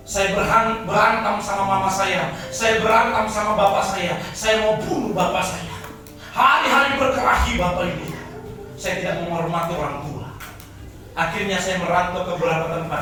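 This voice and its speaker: Preaching man in an echoey church hall. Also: high-pitched. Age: 40s. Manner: swings from hushed storytelling to shouted exhortation. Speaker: pastor. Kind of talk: sermon. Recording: echoey church hall, mic from a distance, music behind.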